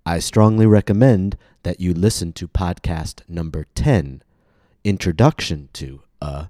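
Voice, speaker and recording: American male language instructor, low mellow voice, careful deliberate enunciation, scripted lesson read. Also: no room sound, clean studio sound. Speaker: pronunciation teacher and podcast host.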